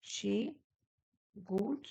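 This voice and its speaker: A woman's voice: medium pitch, very slow, gravelly, dark tone, no echo, lo-fi sound. A woman teaching an English grammar lesson in a classroom. She keeps checking in with her students and asks them questions.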